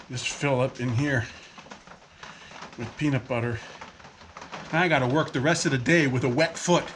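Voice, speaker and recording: A man's voice: medium pitch, a bit bright, a little hiss or hum. A man filming a casual farm vlog outdoors in the rain, exasperated and laughing at himself, getting winded as he hops around. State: out of breath. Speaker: farm vlogger.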